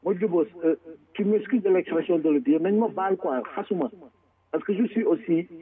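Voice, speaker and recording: A man with a Senegalese French accent talks politics in a forceful, emphatic way, swinging between Wolof and French mid-sentence. His voice sits fairly high for a man. The sound is thin and tinny, like a phone line. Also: normal speed. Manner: forceful and emphatic, repeating words. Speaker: commentator. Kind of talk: political commentary.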